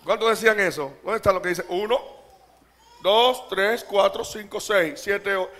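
A male pastor preaching with a notably high voice. He jokes and laughs easily and keeps calling out rhetorical questions to the congregation. His delivery stays animated throughout. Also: normal speed. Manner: humorous, laughs often.

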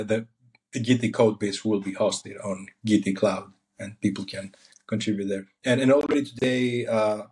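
A man hosting a casual interview, upbeat and quick to praise and affirm his guest. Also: lowish voice, darkish tone. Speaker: interview host.

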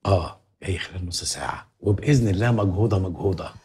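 An actor playing a scheming, persuasive fixer in a comedy series, talking fast and conspiratorially. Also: male voice, low voice, darkish tone, natural voice. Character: scheming fast-talking fixer, always smoothing over trouble. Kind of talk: TV comedy drama acting.

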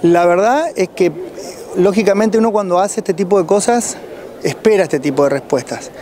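A man's voice: sits high, moderate pace, dark tone, a little hiss or hum. A middle-aged man with an Argentine accent, answering as an official in an outdoor news interview. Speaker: president of a rural producers' federation, interviewee. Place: outdoors at cattle auction pens. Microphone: handheld reporter's microphone.

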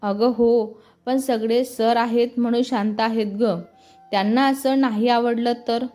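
A woman voicing a quiet, dreamy young woman who speaks softly and apologetically. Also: on the high side, steady tone, unhurried, soft background music, close to an everyday voice. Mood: gentle. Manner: soft, apologetic, hesitant.

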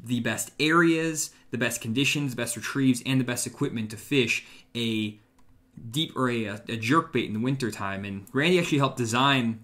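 A young male host chats over a video call from his room at home, eagerly pitching and recommending with plenty of ums and likes. His voice sits at an everyday middle pitch, relaxed and conversational. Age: young adult. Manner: enthusiastic promotional pitch with fillers. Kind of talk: casual live-stream chat.

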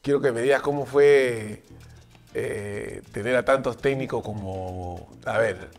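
A man's voice: mid-range voice, a little slow, soft background music. A man hosting a casual interview and prompting his guest with questions and names. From Peru. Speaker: host.

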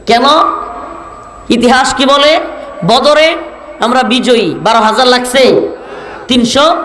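A man from Bangladesh preaching a sermon, rhetorical and building to shouted emphasis. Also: very high-pitched, slow pace. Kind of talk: Bengali waz sermon. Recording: echoey hall with faint noise.

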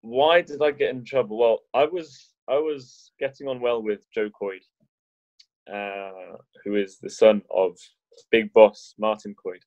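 Man, low-pitched, casual rambling chat, muffled lo-fi recording. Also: steady tone, measured pace, darkish tone, no echo. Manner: rambling, many restarts, jokey. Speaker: wheelchair rugby league player, podcast guest.

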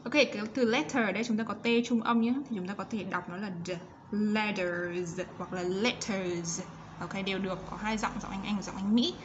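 A Vietnamese woman teaching an English lesson to young children, encouraging and repeating sounds, switching between quick explanations and slowly drawn-out model sentences. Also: medium pitch. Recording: slightly dull lo-fi recording with background noise.

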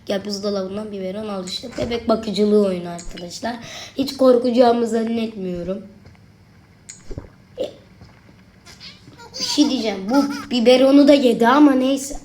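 A woman's voice: on the high side, darkish tone. A young woman commenting casually while playing a babysitting horror game, chatting to her viewers and talking back to the on-screen baby. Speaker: gaming video creator. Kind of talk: let's play commentary.

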